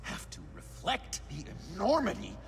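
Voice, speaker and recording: High, erratic Joker villain. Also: male voice, very animated, moderate pace, creaky, heavily acted. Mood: menacing. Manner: theatrical, erratic, swinging from chummy to menacing. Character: unhinged, theatrical Joker, man, manic, wounded, vengeful. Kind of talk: video game voice acting. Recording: loud music behind.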